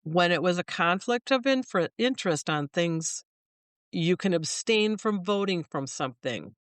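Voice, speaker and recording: Chatty businesswoman, lowish voice, dry sound. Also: lively intonation, measured pace, dry recording. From Minnesota. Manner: chatty, explains with examples, frequent restarts. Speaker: small business owner, guest. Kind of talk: casual interview talk.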